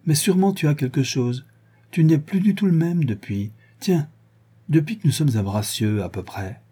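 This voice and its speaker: A man's voice: normal speed, husky. A man doing a sly, teasing young woman. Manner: lively, teasing, higher voice.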